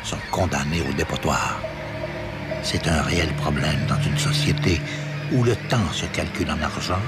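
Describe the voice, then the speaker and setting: Deep-voiced man, grave documentary narration. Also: normal speed, over loud music. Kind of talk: dramatic scripted narration.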